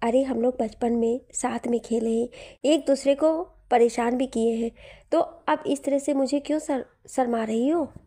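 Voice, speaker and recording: A woman's voice: a little high, a little slow, mellow. A woman voicing a playful young man who teases his childhood friend, in a storybook reading. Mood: teasing. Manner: playful, teasing.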